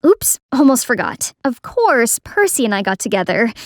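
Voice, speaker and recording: A young woman tells an animated story as its narrator. Her voice is high and the delivery is dramatic and scripted. The sound is very dry and close. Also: normal speed, dry recording.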